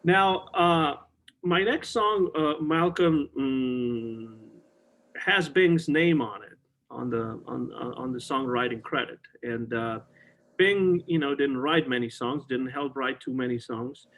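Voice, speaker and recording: The podcast host, a middle-aged man, takes his time as he talks fondly about old songs, restarting often and using lots of fillers. His medium-pitched voice is fairly bright, coming through a video call.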